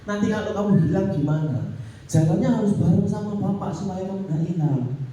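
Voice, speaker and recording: A preacher voicing a stern but caring hunter father who scolds his son, in a low, slow voice. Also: mellow, heavy reverb, distant mic, lo-fi sound, natural voice. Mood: scolding.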